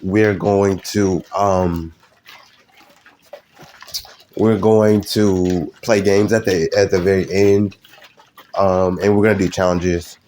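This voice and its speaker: A young man chats loosely with his live-stream viewers, his voice sitting very low. He rambles and hesitates, circling back through fillers and restarts as he goes. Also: little pitch movement, takes it slowly, long pauses, a little mellow, slight background noise.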